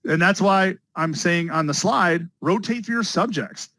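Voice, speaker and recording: A man teaching a test prep class live, energetic and talking straight to his students, often repeating key words. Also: high voice, a little slow, dry recording, rough recording. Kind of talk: live online class lecture.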